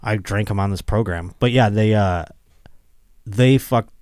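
A man's voice: fairly low pitch, a little slow, darkish tone, dry recording, clean studio sound. A young man hosting a podcast, chatting casually in a rambling, self-deprecating way and laughing often. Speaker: podcast host. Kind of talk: casual chat.

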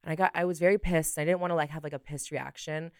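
A young drag performer chatting as a podcast guest, telling stories with lots of fillers and acted-out quotes, recorded on a studio mic. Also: female voice, sits low, fairly even intonation, fast talker, clear, resonant tone, no room sound. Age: young adult. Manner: chatty storyteller, many fillers, acts out quotes. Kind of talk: casual podcast chat.

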